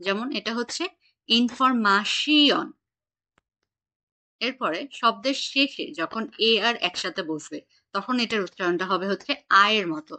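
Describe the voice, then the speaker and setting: A woman's voice: medium pitch, moderate pace, pushed and bright. A woman teaching an online German class, patiently quizzing her students on pronunciation over a video call.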